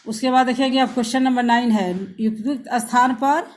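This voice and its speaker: A woman school teacher giving a grammar lesson to pupils, spelling words out slowly letter by letter and calling them children. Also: on the high side, darkish tone.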